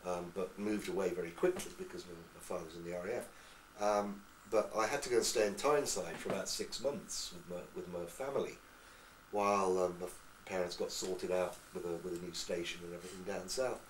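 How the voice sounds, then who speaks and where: A man from England, an actor being interviewed, telling lively anecdotes and slipping into accents. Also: low-pitched, brisk, a little hiss or hum. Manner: lively storyteller, slips into accents. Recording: echoey room, far from mic.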